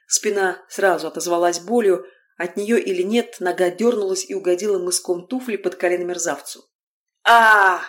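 This woman narrates an audiobook of a first-person fantasy novel in a lowish voice. Her delivery is lively and wry, peppered with brief remarks aimed at the listener.

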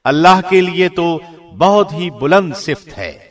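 In the manner of a radio presenter, a man gives a formal, measured and solemn scripted reading of a scripture translation. His voice sits on the high side with lively intonation.

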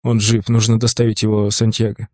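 A man voicing a calm, protective young man in an audiobook, speaking low, quiet and steady. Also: brisk, natural voice.

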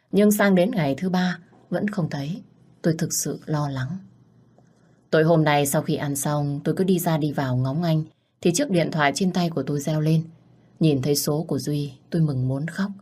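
A woman narrating a first-person love story in a gentle, emotional reading voice. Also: low voice, breathy edge.

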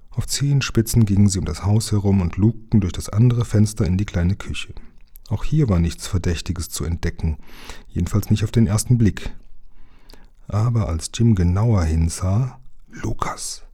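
A man reading a children's book aloud in a calm, even storytelling manner. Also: on the low side, slightly rough. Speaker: reader.

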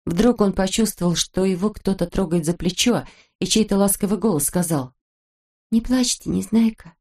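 A woman narrating a children's storybook in a steady, expressive reading voice. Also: mid-range voice, moderate pace.

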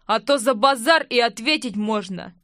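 A hulking thuggish driver from an audiobook, drawling street slang slowly and loudly, as a woman reader puts him on. It is recorded close and dry. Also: on the high side, animated, no echo. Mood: menacing.

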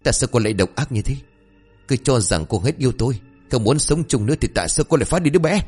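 A man's voice: medium pitch, animated, fast, husky, soft background music, voice pushed up. A man voicing an enraged, violent young husband with a raised, harsh delivery, in an audio story. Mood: furious. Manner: shouting accusations, raised and harsh.

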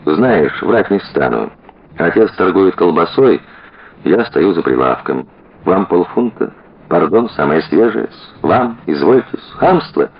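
A man's voice: deep voice, animated, measured pace, creaky, muffled recording, full character voice. A man reading aloud and voicing a flippant young woman, a former society girl, who teases and chatters brashly. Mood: mocking.

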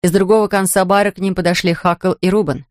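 A woman reading a novel aloud as narrator, in even, measured storytelling. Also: on the low side, dry recording, studio quality. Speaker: audiobook narrator. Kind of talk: scripted narration.

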